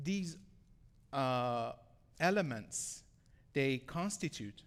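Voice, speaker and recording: Earnest Iranian man in a reverberant hall. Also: fairly high pitch. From Iran. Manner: earnest, measured, with frequent pauses and fillers. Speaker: speaker. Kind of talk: prepared public talk.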